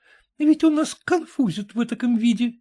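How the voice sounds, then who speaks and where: A man's voice: extremely high pitch, moderate pace, mellow, voice pushed up. A man reading aloud, voicing a scandalized upper-class wife who scolds her husband in an indignant tone.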